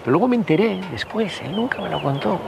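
A political party member in his sixties from the Basque Country speaks Spanish with a Basque accent as an interview guest. His high, expressive, creaky voice rambles and halts through casual anecdotes full of tag questions. The audio is dull, with background noise.

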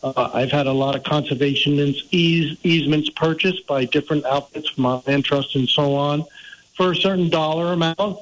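Middle-aged male caller, bit high, halting delivery, muffled call line with the stream quality dropping. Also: steady tone. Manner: halting, many fillers and restarts. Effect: remote call audio breaking up, stream quality dropping. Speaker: state representative calling in. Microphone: phone call, not on speaker. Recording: lo-fi call line with faint noise.

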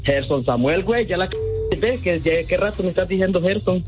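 A man's voice: sits high, fairly quick, music in the background. A man from Venezuela, the target of a prank call, confused and defiant and answering back with jokes. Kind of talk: phone conversation.

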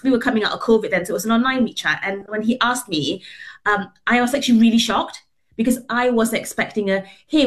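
A middle-aged Singaporean woman is interviewed remotely as a guest, telling her story earnestly over a video call. Her voice is on the high side, the audio is poor, and she speaks with fillers and restarts.

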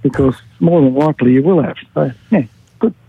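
A man's voice: on the high side, a little fast, breathy edge, dry recording. A man giving a laid-back, colloquial fishing report as a radio guest. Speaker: fishing tackle shop expert, radio guest. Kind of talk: casual fishing report chat. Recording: thin phone line on radio.

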